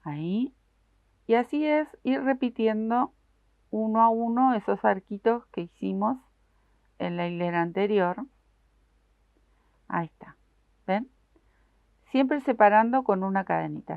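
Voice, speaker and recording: A woman's voice: mid-range voice, creaky, no room sound. A woman explaining a crochet pattern step by step, talking patiently to her viewers while she works. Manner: patient, explains each stitch while working; uses many diminutives, addresses viewers directly. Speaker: crochet instructor. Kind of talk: step-by-step craft tutorial. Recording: dry, tinny phone-like sound.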